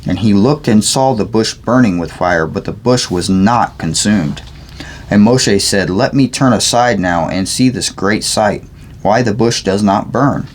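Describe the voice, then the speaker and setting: A man's voice: fairly low pitch, a little slow, slight background noise. A sleepy man reading scripture aloud, stumbling over names and adding joking asides. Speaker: Bible reader.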